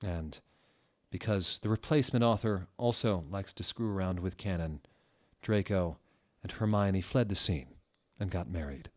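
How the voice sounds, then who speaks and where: At a moderate pace, this deep-voiced male reader delivers a story with tongue-in-cheek drama. Flat, deadpan stretches give way abruptly to theatrical outbursts, and the staginess is clearly intentional.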